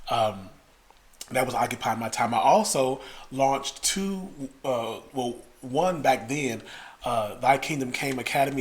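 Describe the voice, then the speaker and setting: A man, a pastor, co-hosting a casual podcast, talking in a measured, explanatory way with frequent uhs. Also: fairly low pitch. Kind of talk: casual chat.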